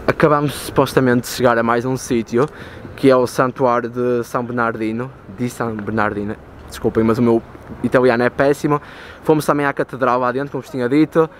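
A young man in his twenties with a European Portuguese accent and a medium-pitched, flat, brisk voice tours a city as a travel vlogger. Holding the camera at arm's length, he chats casually, rambling and full of fillers, moving through city streets, a stone cathedral and a big store, with city street noise behind.

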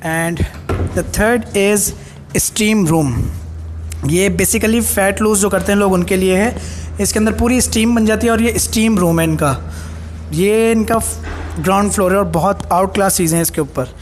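A young man from Pakistan giving an excited walking tour of a large gym as a fitness vlogger, filming on a handheld phone. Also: high-pitched, measured pace, soft background music. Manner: excited, enthusiastic, mixing in English phrases. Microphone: handheld phone camera. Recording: long hall reverb, faint ambience.

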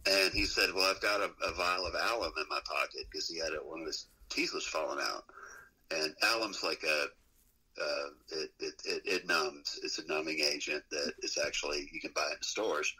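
A middle-aged man with a very low, husky voice spins a loose, profane story, laughing as he goes. His tone is bright despite the depth. It is a casual interview chat. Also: normal speed, low-quality recording. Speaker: musician guest.

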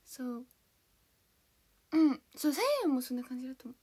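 A woman's voice: sits high, steady tone, normal speed, dark tone, breathy edge. A young woman chatting casually on a livestream, bubbly and giggly, reading out and thanking viewers' comments one by one. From Kanto, Japan; born in Hiroshima. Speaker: idol livestreamer.

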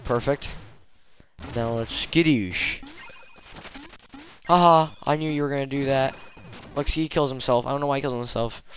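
A man playing a video game and talking over it on a home stream, excitable and quick to swear and yelp. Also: mid-range voice, a little hiss or hum. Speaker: gameplay streamer. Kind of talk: casual let's-play commentary. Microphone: desk microphone.

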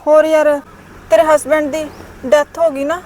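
A woman's voice: high-pitched, level tone, normal speed, mellow, a little hiss or hum, natural voice. A woman acting as a sympathetic young friend, concerned and consoling in a short film drama.

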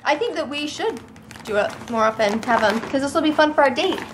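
Bubbly high-voiced young woman vlogging. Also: animated, slight background noise. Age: young adult. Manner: bubbly, chatty, quick to laugh. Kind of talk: casual chat.

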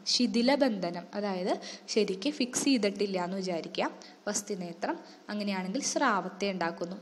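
A woman's voice: medium pitch, long reverb tail. A young woman giving an exam-focused lecture, explaining each term step by step with English glosses. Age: young adult. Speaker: student tutor.

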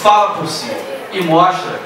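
Forceful high-voiced man speaking at a podium. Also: animated, unhurried, far from the mic, background noise. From Brazil. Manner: forceful, emphatic oratory with raised passages. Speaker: city councillor. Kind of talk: political speech in a council chamber. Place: large council chamber with seated audience. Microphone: podium microphone on a stand. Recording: echoey hall, voice heard from afar.

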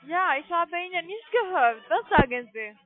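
Faint music sits behind this dry recording of a call centre agent, a woman with a very high, sing-song voice whose first language is not German. Working from a script on a cold sales call, she questions the customer insistently in halting, non-native German, all heard through a tinny narrowband phone line.

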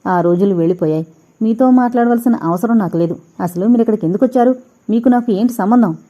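A woman's voice: medium pitch, a little fast, lightly acted. Woman reading a scornful, defiant young woman. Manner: sharp, accusing retorts. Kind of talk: audiobook character reading. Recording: dull lo-fi recording.

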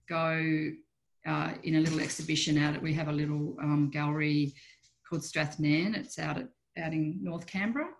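Middle aged aussie woman, slightly low voice, casual rambly interview chat over video call from home. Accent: Australian. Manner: informal, rambling, trailing off mid-sentence. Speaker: artist interviewee. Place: small room at home, indoors.

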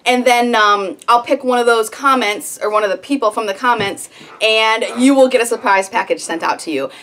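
A woman's voice: fairly high pitch, fairly bright tone. A woman in her thirties chatting casually to camera in a small sitting room, rambling a little with lots of ums. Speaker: homestead vlogger.

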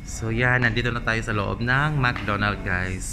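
A man's voice: on the low side, steady tone, normal speed. A man from the Philippines, vlogging casually through a face mask, chatting to his viewers and laughing between phrases. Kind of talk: casual vlog narration to viewers. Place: inside a busy fast-food restaurant. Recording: echoey room with loud background noise.

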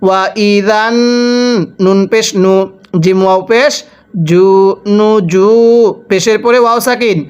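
Man, from Bangladesh, Quran teacher, recitation spelling lesson, smooth clear voice, slow syllable-by-syllable drilling. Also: high voice, fairly even intonation. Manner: spells syllables slowly, then has listeners repeat after him.

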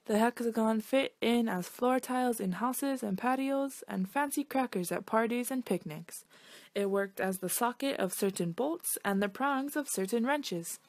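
With a slightly high voice and a measured pace, a woman performs a children's picture book in a lively storytelling manner. The recording is dry.

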